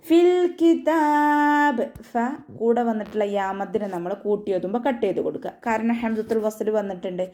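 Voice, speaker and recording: Woman teacher with a warm, mellow voice and a medium pitch, giving calm step-by-step recitation instructions. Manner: calm step-by-step instruction with frequent tag questions. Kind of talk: online tajweed lesson.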